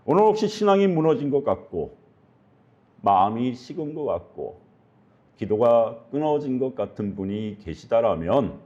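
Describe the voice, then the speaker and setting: A man's voice: medium pitch, dark tone, dull audio. A male pastor preaching earnestly, often putting questions to his congregation. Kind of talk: sermon.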